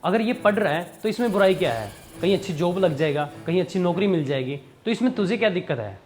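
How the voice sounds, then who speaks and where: A man playing a fair-minded husband who calmly lectures his wife in a scripted skit. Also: high-pitched, fast talker. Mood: lecturing. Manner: calm, lecturing.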